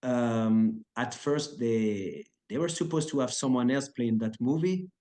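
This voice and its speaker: In a casual interview, a relaxed action choreographer and actor in his 30s talks at a measured pace in a medium-pitched voice. He rambles loosely, peppering his speech with "uh," "like," and frequent restarts.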